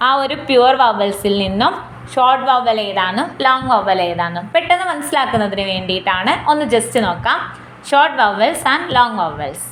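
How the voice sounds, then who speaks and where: A woman with a Malayali accent, teaching a phonetics lesson slowly and repeating example words, often checking the class understood. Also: fairly high pitch, a bit bright. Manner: slow and repetitive, asking "clear?" and repeating example words. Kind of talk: explaining a lesson in Malayalam with English terms. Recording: echoey room with faint background noise.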